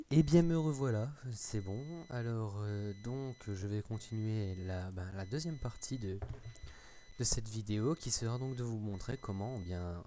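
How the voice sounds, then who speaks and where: A man's voice: lowish voice, warm tone. French guy doing a screen tutorial, lots of euh and restarts, faint noise in the back. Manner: hesitant, many fillers and restarts. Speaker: tutorial maker. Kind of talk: screen-recorded tech tutorial.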